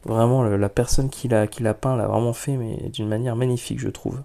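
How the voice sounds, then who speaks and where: A man's voice: medium pitch, steady tone, a little fast, creaky, warm tone. Chatty French man unboxing a model kit. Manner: chatty, many hesitations, frank opinions. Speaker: YouTube model-kit reviewer. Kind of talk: casual unboxing vlog.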